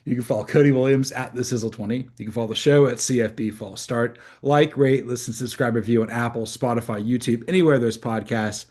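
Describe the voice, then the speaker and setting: A man's voice: mid-range voice, fairly quick, hardly any pauses, darkish tone. A man co-hosting a sports podcast, chatting in a jokey, casual way and laughing often. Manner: jokey, laughs often, playful quoted voices. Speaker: podcast co-host.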